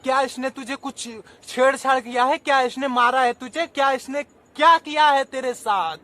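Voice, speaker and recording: A man voicing a confident snake charmer who loudly questions and demands answers. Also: extremely high pitch, fairly even intonation, moderate pace, dry recording. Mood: interrogating. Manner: loud, interrogating, forceful. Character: confident middle-aged male snake charmer, stern and demanding.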